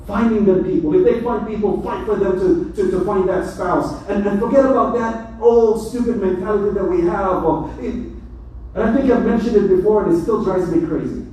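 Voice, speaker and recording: A man preaching as an imam in a mosque, animated and joking as he speaks. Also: high-pitched, normal speed, a little hiss or hum. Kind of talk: mosque sermon. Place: mosque hall. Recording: echoey hall, mic from far.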